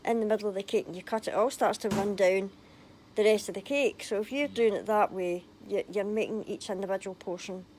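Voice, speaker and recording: A woman's voice: mid-range voice, steady tone, brisk, a little mellow, slight background noise. A Scottish woman presenting from behind the camera, cheerfully chatting and reading out viewer comments. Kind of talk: casual chat on a cooking livestream. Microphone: phone held by the speaker.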